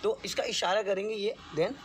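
A male driving instructor coaching a learner inside a car, patient and repetitive, giving step-by-step instructions with some gentle teasing. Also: sits high, moderate pace, a little hiss or hum.

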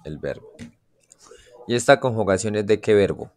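A man's voice: lowish voice, animated, moderate pace. A man teaching a class, explaining grammar and constantly asking his students questions to check they follow. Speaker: English teacher. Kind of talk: classroom lesson.

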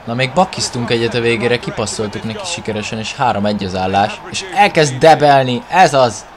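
A Hungarian man giving excited football gameplay commentary, exclaiming and stretching his words as he follows the play. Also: mid-range voice, a crowd in the background. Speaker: gaming video creator commentating own match. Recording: music behind the voice. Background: music.

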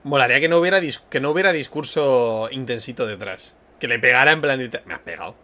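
A man from giving joking, loud commentary while streaming a game. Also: medium pitch, animated, quick pace. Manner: joking, loud, laughing asides over cutscenes. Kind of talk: casual gaming commentary.

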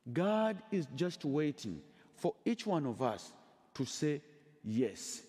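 A middle-aged man preaching a homily as a priest at a lectern, speaking through a headset mic with deliberate, emphatic pauses. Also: on the high side, big pitch swings, warm tone, husky. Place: church sanctuary, at a lectern. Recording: long church reverb.

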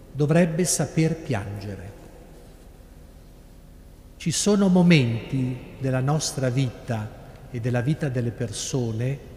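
Slow Italian priest in echoing church. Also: male voice, medium pitch, a little mellow. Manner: slow, measured preaching with long pauses. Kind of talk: sermon. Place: large church sanctuary. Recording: echoey church with long reverb, live broadcast.

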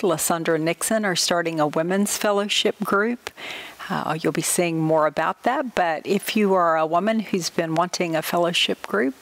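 A woman in her sixties, seated in a church sanctuary, reading announcements from notes in a friendly way with a few fillers and restarts. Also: lowish voice. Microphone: front camera, seated at a table.

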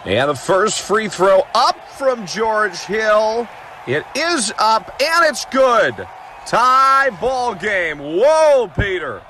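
Playing a parody sports commentator, a man gives mock basketball play-by-play in a profane, bombastic announcer style. His high voice is sing-song, very slow and sharp in tone. The noisy recording carries crowd and court sounds, with a basketball bouncing amid the game ambience.

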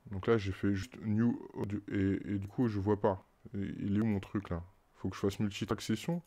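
A male streamer with a French accent, chatting casually on a live stream and muttering to himself with halting restarts. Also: on the low side, flat delivery, dark tone.

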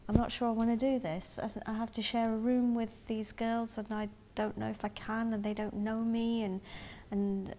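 A middle-aged woman from Zambia telling her life story in an interview, thoughtful and halting, often restarting her sentences, recorded close up in a dark room. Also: on the high side, little pitch movement, slight background noise. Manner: thoughtful, halting, with frequent restarts and soft asides. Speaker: interviewee in a community film. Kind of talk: reflective personal storytelling.

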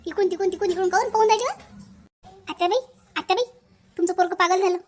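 A woman's voice: very high-pitched, racing. A woman voicing an exasperated older mother in a cartoon, with a Vidarbha Marathi accent, scolding and teasing her grown son. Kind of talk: cartoon voice acting.

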